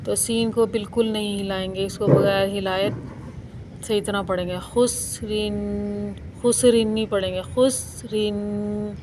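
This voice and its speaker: A woman's voice: mid-range voice, little pitch movement, normal speed, background noise. A woman teaching Quran recitation rules in a patient, step-by-step lesson, drawing out each sound. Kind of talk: slow step-by-step tajweed lesson.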